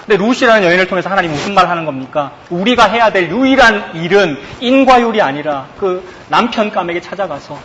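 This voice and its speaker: A man's voice: high voice, expressive, fast, hardly any pauses, a bit bright, lo-fi sound. A man preaching a sermon to his congregation as pastor, speaking emphatically and putting rhetorical questions to his listeners. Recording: long hall reverb, faint background noise.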